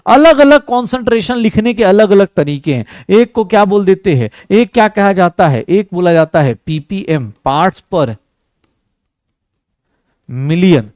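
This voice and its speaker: Male tutor, high pitched, jokey classroom delivery, dry room. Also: darkish tone, no echo. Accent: Hindi. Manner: joking, addresses students as beta, acts out quoted students. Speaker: teacher. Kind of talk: classroom chemistry lecture.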